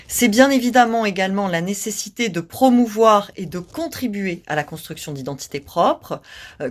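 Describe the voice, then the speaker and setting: A woman making a formal statement in an earnest tone, with small hesitations. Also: medium pitch.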